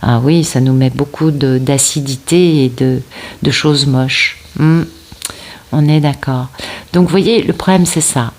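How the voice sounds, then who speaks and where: A woman with a French accent giving a casual tarot reading, often pausing to find her words and talking straight to her viewers. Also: rumbling low, darkish tone. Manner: searching for words, many fillers and restarts; addresses viewers directly, seeking agreement. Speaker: tarot card reader.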